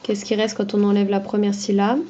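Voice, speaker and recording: A woman teacher talking slowly and patiently to young children, spelling out each word syllable by syllable. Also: mid-range voice, completely flat delivery, dark tone, dull audio, a little hiss or hum.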